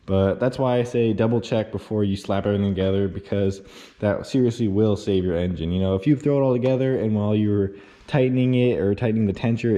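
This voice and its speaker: Low mellow-voiced man explaining car repair. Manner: relaxed step-by-step explaining, addresses viewers directly. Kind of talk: casual how-to tutorial.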